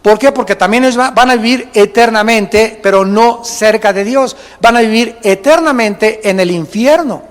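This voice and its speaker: A man preaching a sermon to his congregation as pastor, swinging between slow weighted phrases and emphatic rises. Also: high voice. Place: large church hall. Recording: live sermon with long hall reverb.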